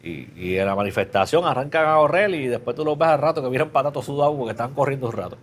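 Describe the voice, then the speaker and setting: A man's voice: medium pitch, expressive, fast, a little hiss or hum. Chatty male preacher teaching a class. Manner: casual, chatty, asks the class questions; mixes English fillers into Spanish. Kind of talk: conversational Bible class.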